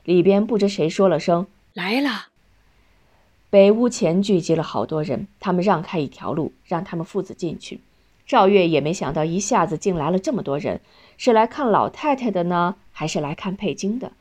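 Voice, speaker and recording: A woman reading a novel aloud in calm, steady scripted narration. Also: on the low side, brisk. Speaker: audiobook narrator.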